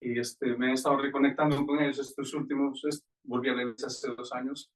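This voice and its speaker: A man's voice: mid-range voice, little pitch movement, fast talker, recorded from a distance, low-quality recording. A man from the congregation sharing in a church discussion, conversational and full of hesitant fillers. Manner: conversational, filler-heavy with este. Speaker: congregation member. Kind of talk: church Q&A talk.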